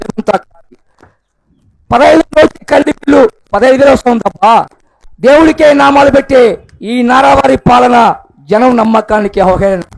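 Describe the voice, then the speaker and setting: A man's voice: very high voice, vocal fry, exaggerated voice, rough recording. A man playing an anguished ordinary businessman in a satirical street skit, lamenting in a declamatory way. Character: aggrieved, anguished ordinary male small businessman.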